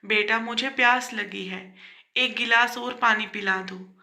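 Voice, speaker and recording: Brief: a woman doing a patient, loving elderly mother in a storybook tale, bright and high, gently pleading. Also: fairly even intonation, a little slow, creaky, roomy sound, full character voice.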